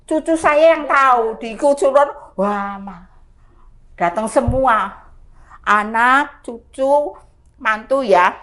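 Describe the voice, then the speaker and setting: Seorang perempuan lanjut usia beraksen Jawa, tamu podcast rumah sakit yang menceritakan perjuangannya melawan kanker dengan hidup dan sering tertawa. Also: female voice, on the high side, slow pace. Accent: Javanese. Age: older. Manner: animated, laughing through her story. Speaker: cancer survivor guest. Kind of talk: emotional storytelling. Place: hospital podcast studio.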